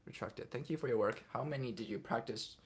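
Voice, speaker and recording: Reading his viewers' comments aloud, a young livestream host answers them casually and off the cuff. He has a medium-pitched, husky voice and speaks briskly.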